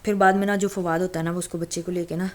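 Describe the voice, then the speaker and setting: A woman's voice: fairly low pitch, level tone. A woman casually retelling a novel's plot as a storyteller, talking in a loose conversational way with fillers and restarts.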